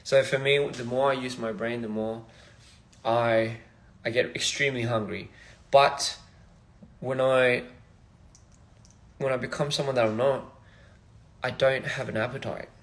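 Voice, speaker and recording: A young man from Australia chatting casually on a phone livestream, soft-spoken and reflective, drifting between thoughts. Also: medium pitch, steady tone, unhurried, pauses often. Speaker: musician livestream host.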